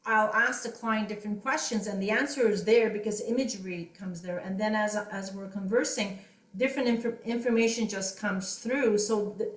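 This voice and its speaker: A woman's voice: medium pitch, steady tone, moderate pace. A woman host who chats easily and affirms her guest often. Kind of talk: casual video interview chat. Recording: roomy echo, distant from the mic.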